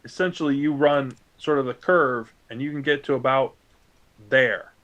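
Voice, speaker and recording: A man's voice: mid-range voice, moderate pace, fairly bright tone. A man running a tabletop game as game master, describing monster attacks and calling on players, with hesitant fillers.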